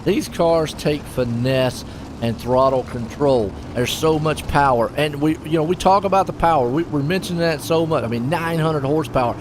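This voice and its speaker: A man with a fairly high voice, speaking at normal speed, hosts and commentates a sim racing stream, chatty and folksy as he jokes with his co-host. The broadcast mix is noisy, with engine sounds underneath.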